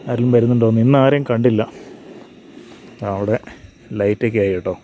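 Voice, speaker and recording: A man vlogging his travels speaks fast in a medium-pitched voice, mixing English into his Malayalam as he narrates what he's doing. He's outdoors at a hilltop viewpoint before and at dawn, captured in lo-fi sound with slight background noise.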